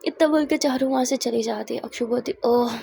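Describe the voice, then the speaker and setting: High, mellow woman storyteller. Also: fast talker, gravelly, slight background noise. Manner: conversational asides. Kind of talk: narrating a romance story.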